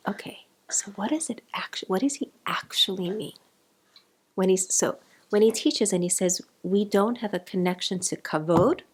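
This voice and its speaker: A Torah teacher with a South African accent leads an informal class, chatty and digressive, mixing in Hebrew terms. Her voice is medium-pitched with a darkish tone.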